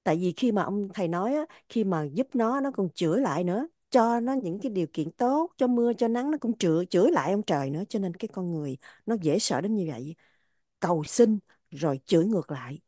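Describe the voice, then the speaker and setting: Woman with a mellow, dry voice. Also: medium pitch, animated, fast talker, no echo. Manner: earnest, repetitive, stressing words. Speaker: religious teacher explaining poems. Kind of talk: explanatory spiritual talk.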